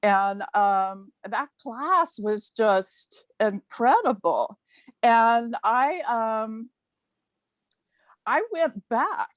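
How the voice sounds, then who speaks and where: A woman's voice: fairly high pitch, animated, very slow, no echo. A woman in her sixties from Ohio, a new club member, telling a heartfelt personal story on a video call, chatty and laughing between phrases. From Ohio, USA. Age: 60s.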